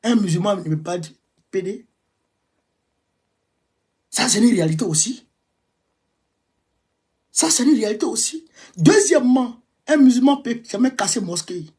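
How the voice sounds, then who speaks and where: A husky, darkish-toned Ivorian man delivers an impassioned political monologue in Ivorian-accented French. He's emphatic and repetitive, swinging between raised outbursts and low muttering.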